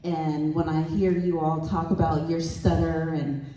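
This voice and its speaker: A woman's voice: low voice, flat delivery, unhurried, mellow, slight background noise. A woman speaking on a convention panel as the parent of a child who stutters, earnest and heartfelt. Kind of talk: panel discussion talk. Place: convention hall stage. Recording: echoey hall, voice far from mic.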